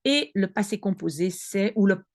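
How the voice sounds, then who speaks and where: Lively, patient woman teaching a lesson. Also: mid-range voice, moderate pace. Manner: patient explaining, frequent checks like "hein" and "d'accord". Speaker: language teacher. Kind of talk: online language lesson.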